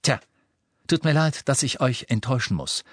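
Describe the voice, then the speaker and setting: A man's voice: medium pitch, animated, moderate pace, no room sound, pitched above the performer's own voice, lightly acted. A man reading the part of a young man, holding his anger in with cutting control. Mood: angry. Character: young man, calm turning angry.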